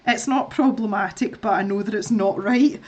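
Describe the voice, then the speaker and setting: A woman's voice: mid-range voice, muffled recording. A middle-aged woman with a Scottish accent chatting casually to viewers while she colours, rambling and laughing often. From Scotland. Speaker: art streamer.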